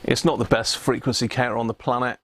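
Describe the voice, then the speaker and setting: Fast and a bit bright, this man's mid-range voice barely moves in pitch as he demonstrates a radio repair on a casual livestream. He thinks aloud, muttering through each step. The dry recording has clear background noise and clicks.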